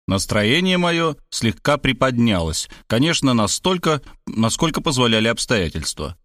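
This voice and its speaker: A man narrating a story in the first person, wry and deadpan in his delivery. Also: mid-range voice, no room sound, studio quality. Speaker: audiobook narrator.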